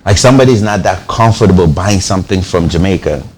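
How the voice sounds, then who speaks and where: In a conversational TV interview, this company founder from Cameroon talks fast and animatedly, his low voice carrying a darkish tone. He gives long explanations, often repeating words as he restarts his phrases.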